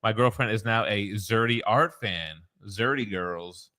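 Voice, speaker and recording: A man in his thirties co-hosting a live stream, casually chatting and reading viewer comments aloud in a relaxed, joking way. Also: fairly low pitch, measured pace. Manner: reads chat comments aloud, laid-back and joking. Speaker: co-host.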